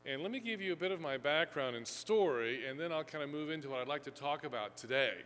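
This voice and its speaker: This Houston, Texas seminary professor talks fast, with a fairly bright, high-leaning voice and lively intonation. He gives a chatty, self-deprecating, rambling lecture full of fillers to a live audience, speaking into a fixed lectern mic. The lecture hall echoes, with a faint hum and faint music behind him.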